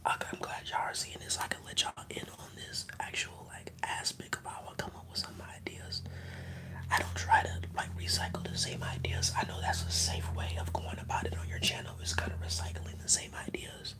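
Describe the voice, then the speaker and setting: Whispering ASMR streamer, casual and rambling. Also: brisk. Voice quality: whispered, mostly unvoiced. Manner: casual, rambling, slangy with "y'all" and "bro". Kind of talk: whispered ASMR livestream chat.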